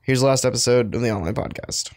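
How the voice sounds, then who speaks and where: A man's voice: medium pitch, quick pace, a little mellow, roomy sound, a little hiss or hum. A man hosting a podcast in a casual, chatty style. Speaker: podcast host. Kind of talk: casual chat.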